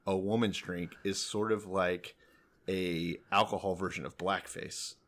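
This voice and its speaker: A man's voice: low voice, steady tone, a little slow, fairly bright tone. A man chatting casually as a comedy podcast co-host, teasing and swearing freely. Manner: profane, teasing.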